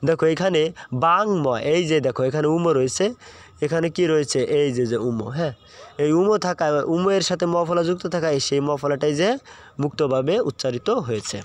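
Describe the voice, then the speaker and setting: A man's voice: a little high, a little fast. A young man teaching a pronunciation lesson, explaining step by step, repeating points and asking his students questions.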